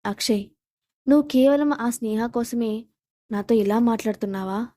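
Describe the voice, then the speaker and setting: Woman reading as a scheming young rival, whiny and pleading, fairly high voice, dry sound. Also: moderate pace, dark tone, no echo, close to an everyday voice. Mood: tearful pleading.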